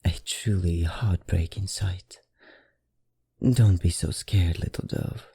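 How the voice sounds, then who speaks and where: A performer takes on the role of a seductive, teasing vampire librarian for ASMR, speaking in a put-on foreign accent, breathy and husky, often whispered, and slow, formal, and soothing. The low voice keeps a steady, dark tone in full character. The studio sound is clean, without echo.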